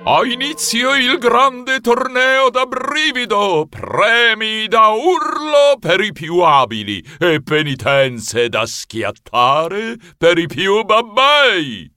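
A man voicing a pompous ghoulish butler who makes slow, drawn-out proclamations in a storybook reading. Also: medium pitch, wildly swooping pitch, bright, forceful tone, no room sound, studio quality, pitched below the performer's own voice, heavily acted. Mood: grandiose.

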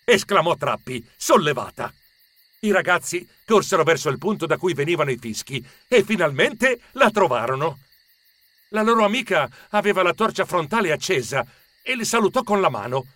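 A man narrating a children's story with expressive storytelling. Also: a little high, normal speed.

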